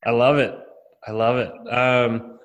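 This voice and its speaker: A man's voice: mid-range voice, flat delivery, unhurried, lo-fi sound. A man hosting a casual interview in an informal, agreeable way, often affirming his guest. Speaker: interview host.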